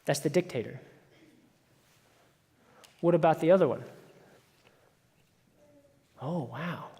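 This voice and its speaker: A man's voice: a little high, normal speed, dark tone. A man preaching a conversational sermon as pastor, telling stories in a casual way with frequent "like". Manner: casual storytelling, sprinkled with "like". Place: church sanctuary. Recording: long reverb of a church hall.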